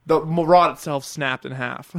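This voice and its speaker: A young man telling a rambling, animated story in casual chat, swearing freely and laughing through it. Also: fairly high pitch, unhurried, vocal fry.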